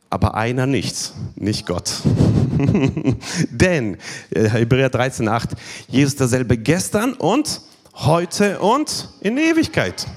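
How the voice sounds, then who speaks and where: A man's voice: on the high side, darkish tone. A man preaching a sermon at a healing service, emphatic and repetitive, counting through numbered points. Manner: emphatic, repeats key phrases, counts points.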